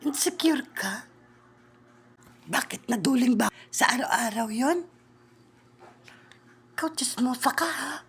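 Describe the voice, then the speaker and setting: High-voiced bossy woman comedian. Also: expressive, slow pace, long pauses, fairly bright tone, slight background noise. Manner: bossy, teasing, with muttered whispered asides. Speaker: comedian in a classroom skit. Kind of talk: improvised comedy skit.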